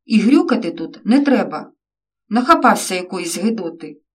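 A furious, scornful middle-aged father who shouts down his teenage son, as a woman reading a story puts him on. The voice sits at an ordinary middle height, heard a bit back from the microphone. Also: medium pitch, sing-song, moderate pace, distant mic. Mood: angry. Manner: loud, scolding.

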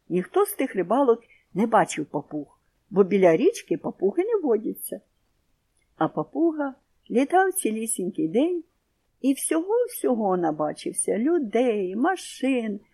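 A woman reading a children's story aloud in an expressive storybook manner, then asking comprehension questions. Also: a little high, slightly rough.

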